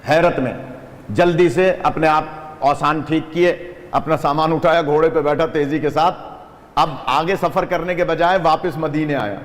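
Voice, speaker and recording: Slightly high-voiced male preacher, lively storyteller, long hall reverb. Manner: lively narration with audience asides. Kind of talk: sermon storytelling.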